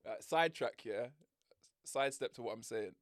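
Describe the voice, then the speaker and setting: A young man, co-hosting a casual chat show and telling animated stories. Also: normal speed, dry recording, studio quality. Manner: animated storyteller, jumps pitch when acting out others. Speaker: podcast co-host.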